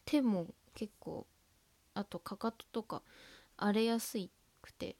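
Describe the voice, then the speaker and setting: A woman with a Tohoku accent chats on her own podcast in a soft, meandering way, full of fillers and little whispered asides. Her voice sits in an ordinary middle pitch. She records at home through a laptop's built-in mic. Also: takes it slowly. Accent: Tohoku Japanese. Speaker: podcast host. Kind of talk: casual solo radio chat. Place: at home by an open window.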